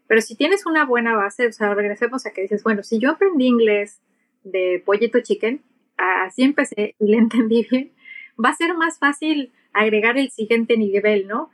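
Speaking at a normal speed in a fairly high voice, this middle-aged interview guest with a Mexican Spanish accent works as a pilot and aviation English instructor. She chats through her answers, acting out examples to explain things.

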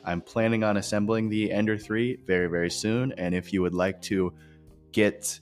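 A man's voice: on the low side, steady tone, normal speed. A man hosting an informal scripted podcast, explaining things directly to listeners, his voice echoing in a bare, unfurnished office. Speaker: podcast host. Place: new empty office without furniture. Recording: echoey empty office, music behind.

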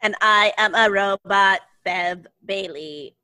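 A woman putting on a slow, droning robot voice. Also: mid-range voice, pushed and bright, clear, resonant tone, no room sound, voice pushed down. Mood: mechanical. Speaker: podcast guest.

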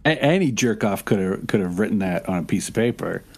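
A man's voice: fairly low pitch, animated, brisk, vocal fry, a little mellow, slightly rough. A man playing a tabletop game, blunt and joking in casual talk. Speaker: player. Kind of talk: casual tabletop role-play.

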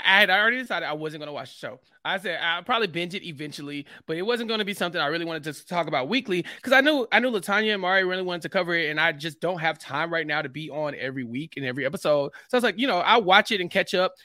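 A man, a guest on a casual podcast, joking and animated as he tells his take. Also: high voice, fast, hardly any pauses, no echo, studio quality. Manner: animated and joking, with dramatic quoted asides.

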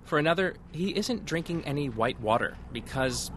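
A man's voice: fairly high pitch, animated, normal speed, noisy background. A man reporting for public radio, moving between scripted feature narration and field interviews.

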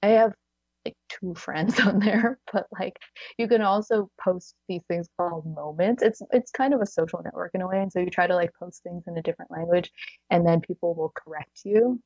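Speaking at normal speed, a woman in her thirties with a low, slightly mellow and somewhat rough voice talks as a podcast interview guest. She's chatty, leaning on "like" and laughing often between phrases. There's no room sound, and the high frequencies are cut off.

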